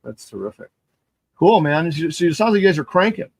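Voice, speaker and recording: A man's voice: a little high, very animated, a little fast, vocal fry, a little mellow, breathy edge. A man hosting a casual chat, enthusiastic and affirming, often repeating his praise. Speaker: host.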